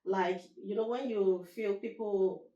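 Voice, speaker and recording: A woman's voice: mid-range voice, fairly even intonation, a little slow, dark tone, highs cut off. A woman hosting a talk show with teenagers, asking encouraging, chatty questions. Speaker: host. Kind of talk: interview questions. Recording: roomy, distant mic, faint music.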